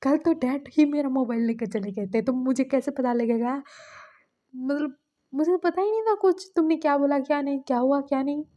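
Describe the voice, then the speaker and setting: A woman's voice: sits high, normal speed, mellow, highs cut off, lightly acted. A woman voicing a soothing, apologetic young man in a spoken storybook. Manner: coaxing, apologetic.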